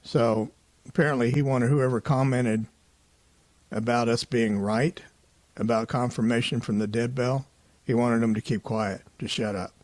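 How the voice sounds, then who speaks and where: Speaking at a moderate pace in a mid-range voice, a man recaps his paranormal investigation show in a casual voice-over. He sounds relaxed and conversational, regularly hedging his opinions.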